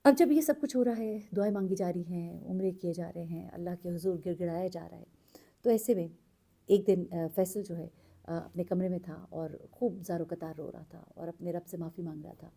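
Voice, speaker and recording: Woman w/ telling a true story, low voice, really dark mellow tone. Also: creaky. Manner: earnest, unhurried, with filler pauses. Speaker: storyteller host. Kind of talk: casual true-story narration.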